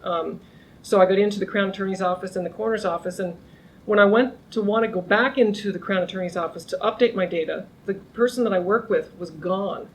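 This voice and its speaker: A middle-aged criminology professor gives an informal academic talk to a small group in a lunch seminar room. Her voice is medium-pitched and quick, and she speaks conversationally with restarts, raising her voice to be heard. The audio is poor, with a little hiss or hum.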